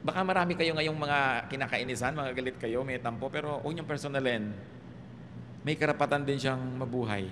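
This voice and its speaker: A man with a Filipino accent preaching a sermon as a pastor, animated and humorous, often tossing rhetorical questions to the congregation. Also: mid-range voice, slight background noise. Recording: reverberant hall, faint background ambience.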